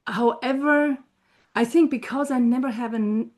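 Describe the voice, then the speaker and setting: A woman's voice: fairly high pitch, measured pace. A woman with an Austrian German accent co-hosting a casual talk, curious and engaged. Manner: warm, inquisitive interviewer, laughs easily. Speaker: co-host. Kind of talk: casual conversation.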